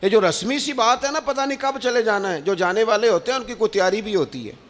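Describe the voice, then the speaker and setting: A man's voice: high voice, fast, a bit bright. A man preaching a sermon with an emphatic, rising and falling cadence. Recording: long hall reverb.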